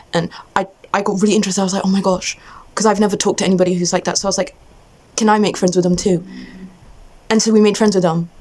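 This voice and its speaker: A young adult woman vlogger rants to camera, agitated and exasperated, venting off the cuff in a casual way and frequently cutting herself off. Her voice sits lowish and has a darkish tone.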